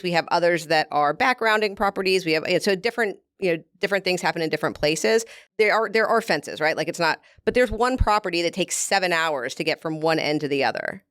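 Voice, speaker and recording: A woman with a lowish voice talks through her work in a relaxed interview, going into detail and breaking into easy laughs. The sound is close and dry, with no room around it. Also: clean tone, no echo. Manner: explains at length, laughs easily. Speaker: guest from a beef producer. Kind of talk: casual interview talk.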